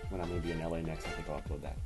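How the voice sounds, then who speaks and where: Over music, a man with a bass voice talks very fast as he hosts a podcast. His manner is relaxed and chatty, and he reads out questions sent in by listeners.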